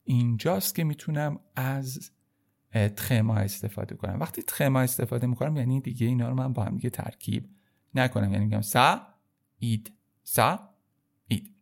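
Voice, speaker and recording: A man at a middle pitch teaches French letters in an easygoing spoken lesson. He calls his learners kids and stretches out each sound so they can repeat it. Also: creaky, warm tone. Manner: repeats sounds slowly and addresses viewers as kids.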